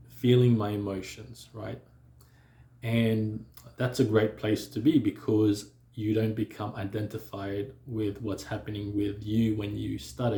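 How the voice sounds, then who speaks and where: Talking to camera in an echoey room, a vlogger with a lowish voice reflects calmly on living with a stutter. His delivery is measured, with pauses, fillers, and occasional blocks on some sounds.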